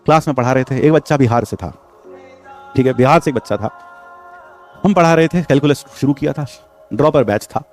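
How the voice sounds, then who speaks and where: A man's voice: medium pitch, brisk, long pauses, darkish tone, soft background music. A man, a teacher, telling his students a story in an earnest, moralizing way.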